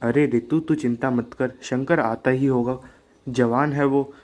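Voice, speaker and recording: A man's voice: medium pitch, steady tone, unhurried, darkish tone, lightly acted. A man voicing a kindly older village aunt in a cartoon, soothing and reassuring.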